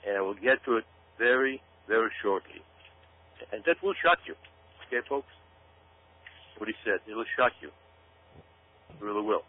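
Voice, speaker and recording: Here a male guest commentator addresses listeners in a dramatic, emphatic monologue, repeating points for effect. He has a lowish voice, keeps a measured pace, and pauses often. It comes through as tinny, phone-like radio audio with a hum.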